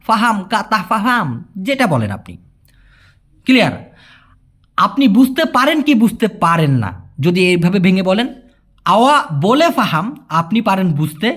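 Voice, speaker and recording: Male tutor, Bengali native, high voice, lively intonation, patient and repetitive explainer. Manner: explains patiently, repeats words slowly. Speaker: language teacher. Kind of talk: informal language lesson.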